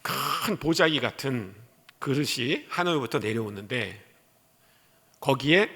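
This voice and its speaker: A male missionary preacher giving an animated sermon in a church, reading scripture and asking the congregation questions. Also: medium pitch. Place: church sanctuary. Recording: echoey church hall.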